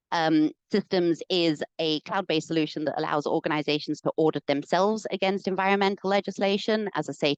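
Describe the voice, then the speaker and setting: A young South African woman talks through a lunchtime webinar in a friendly, measured way, often pausing on "um." Her voice is smooth and clear. The video call audio is dry and a little dull. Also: sits low, no echo. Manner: friendly, measured, frequent "um" fillers. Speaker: environmental consultant giving a webinar talk. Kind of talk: presentation.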